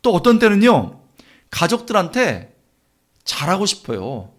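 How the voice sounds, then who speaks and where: A man delivers a sermon in a church. His voice sits a little high and rises and falls freely. He talks earnestly, putting one question after another to the congregation. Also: wildly swooping pitch, unhurried. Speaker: guest preacher.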